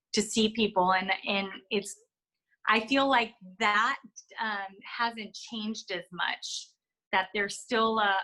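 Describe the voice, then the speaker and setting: A woman's voice: medium pitch, sharp tone, rough recording. A woman giving interview answers as a flight attendant, explaining things in a chatty way with examples.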